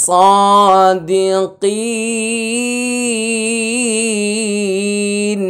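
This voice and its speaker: A man teaching Quran recitation, spelling out letters slowly and chanting verses with long drawn-out vowels. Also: on the low side, gravelly, darkish tone. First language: Bengali.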